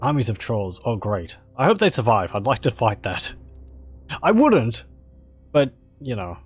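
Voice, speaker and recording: Animated man doing casual game commentary. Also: medium pitch, unhurried, faint music behind. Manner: musing aloud, joking. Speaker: gaming video host.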